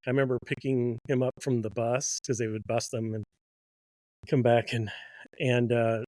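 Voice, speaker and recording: A middle-aged man co-hosting a casual podcast chat, speaking in a measured way and asking plain questions. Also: medium pitch, flat delivery, warm tone, dry recording. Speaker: podcast co-host.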